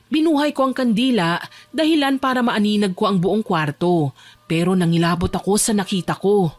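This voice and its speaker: A young woman voicing a frightened young woman locked in a dark basement, tense and pleading as she narrates her own horror story. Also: medium pitch, normal speed, dry recording, close to an everyday voice. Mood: hushed. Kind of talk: first-person horror story narration and dialogue. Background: faint music.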